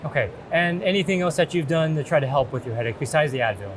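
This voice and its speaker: A middle-aged man with a fairly high, lively voice speaks quickly while acting as a doctor in a mock consultation. He reassures and explains in a conversational clinical style from an open booth in a large exhibition hall, with trade show noise all around.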